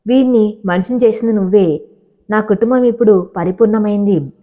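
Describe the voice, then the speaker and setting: A woman's voice: mid-range voice, moderate pace, warm tone, close to an everyday voice. Woman reading a choked-up loving old father. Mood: moved.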